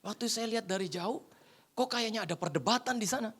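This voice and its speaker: A man's voice: high-pitched, fairly quick, husky. A male pastor preaching a humorous sermon, telling a story and acting out the voices in it. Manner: animated, acts out the voices in his anecdotes. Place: church.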